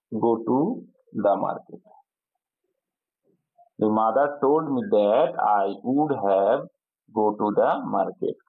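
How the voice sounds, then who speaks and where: A man teaching an exam-prep English grammar lesson. He explains step by step and asks his students questions, then answers them himself. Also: mid-range voice. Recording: tinny phone-like audio.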